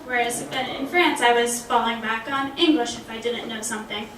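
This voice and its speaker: Recorded from a distance in a roomy college panel room with faint noise, a young language graduate in her 20s tells personal stories as a panelist. She speaks conversationally with a higher pitch, fairly even intonation and a moderate pace.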